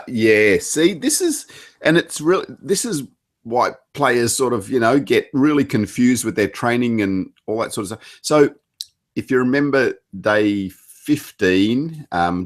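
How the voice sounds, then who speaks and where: Man, Australian accent, low voice, chatty coach, animated delivery. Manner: chatty, animated, jumps up in pitch. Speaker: table tennis coach. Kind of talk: casual chat.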